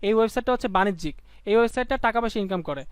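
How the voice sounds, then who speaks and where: A young man with a Bangladeshi Bengali accent runs a live online class in a very high, fast, expressive voice, getting students to shout out answers and drilling key points through repetition. He's playful and full of jokes, breaking into sung lines and mock phrases. The sound is smooth, clear, dry and close, with no echo.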